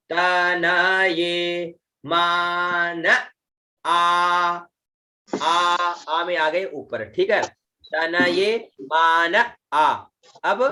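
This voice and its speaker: Slow, bright-voiced man teaching chant. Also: sits high. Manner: slow, drawn-out syllables with chanted demonstrations; explains pronunciation patiently, often adds "है ना". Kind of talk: online recitation lesson.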